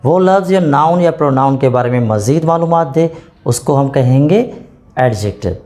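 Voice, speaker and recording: A man teaching grammar, explaining it to learners in a patient lesson and reading out example sentences slowly. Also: mid-range voice, lively intonation, darkish tone. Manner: slow, deliberate reading of English example sentences; checks in often with the listener.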